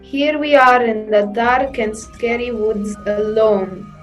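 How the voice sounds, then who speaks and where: A woman's voice: a little high, steady tone, takes it slowly, soft background music. A woman playing a worried, naive young girl in a comic fairy-tale stage play.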